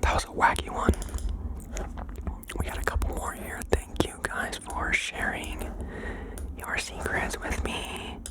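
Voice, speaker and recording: Slow ASMR host whispering secrets. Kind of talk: whispered ASMR, reading out listeners' secrets and chatting.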